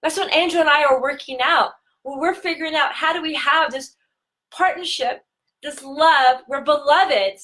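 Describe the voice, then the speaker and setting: Woman tantra host, live talk, earnest and unhurried, stretches key words, high voice. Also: fairly bright tone.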